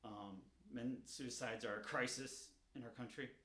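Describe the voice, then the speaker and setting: A man's voice: mid-range voice, steady tone, unhurried, fairly bright tone, reverberant. A man speaking earnestly to camera in a personal vlog, pleading and repeating himself as he urges viewers to reach out. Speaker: vlogger. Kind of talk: personal awareness message.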